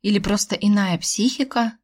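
A woman reads a first-person fantasy story at a mid-range pitch, expressive and wry. Her heroine's lines jump noticeably higher when excited. The delivery is lively audiobook narration. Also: moderate pace.

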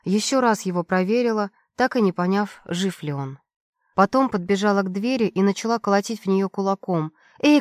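A woman reading first-person fiction as an audiobook narrator, steady and expressive. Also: mid-range voice, no room sound, clean studio sound.

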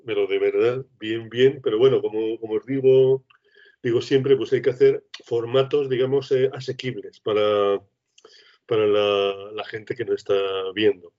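A man's voice: mid-range voice, fairly even intonation, normal speed, darkish tone. A man hosting a casual radio interview, talking in a friendly, rambling way. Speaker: radio host. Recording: dull lo-fi sound.

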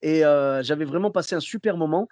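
Podcast host, chatty joking man, high voice, dry close sound. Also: a little fast, darkish tone, no echo. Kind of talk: casual podcast chat.

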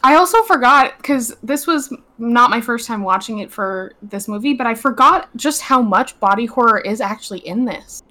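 A woman with a fairly high voice co-hosts a podcast. She is stoned and talks in a casual, conversational way. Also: expressive, moderate pace, few pauses, sharp tone. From Vancouver, Canada. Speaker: podcast co-host. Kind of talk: casual chat.

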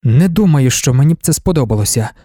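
Here is a blunt, wary soldier who keeps pressing with short, pointed questions, as a man reads him. The voice has a mid pitch and a mellow, darker tone. The recording is dry and close. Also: lively intonation, quick pace, no room sound, close to an everyday voice.

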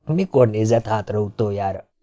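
A man's voice: fairly low pitch, dark tone, natural voice. A man voicing a tense male driver who speaks tersely and practically.

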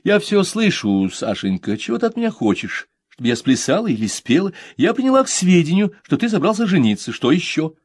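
A man's voice: sits high, sing-song, fairly quick, no echo, voice pushed up. A man voicing a busy middle-aged woman filmmaker who scolds in exasperation. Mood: exasperated.

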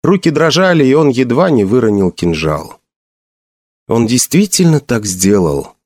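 A man reading a fantasy novel aloud as narrator, with expressive intonation. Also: mid-range voice, a little slow, dry recording. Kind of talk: audiobook reading.

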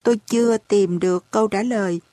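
Lady reading a storybook aloud, steady clear voice, no room echo. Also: medium pitch, a little fast, clean studio sound. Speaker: audiobook narrator. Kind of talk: first-person storybook narration.

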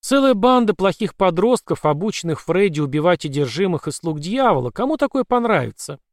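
A man voicing a sweetly menacing possessed mother who speaks in a sugary, calm, coaxing way. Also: high-pitched, fairly quick, dry recording, studio quality, voice pushed up.

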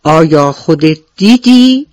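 A woman's voice: low-pitched, lively intonation, darkish tone, dry recording. A woman voicing a big commanding lion who questions the other animals sternly.

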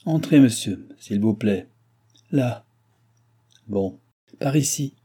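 A man's voice: medium pitch, lively intonation, takes it slowly, dark tone, breathy edge. A man voicing a flustered old male servant with a quavering voice.

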